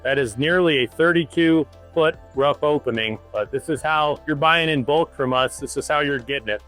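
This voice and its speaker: A man's voice: on the high side, normal speed, fairly bright tone, faint music behind. A man giving an informal guided tour as shop foreman in a warehouse workshop, explaining things in a plain-spoken way.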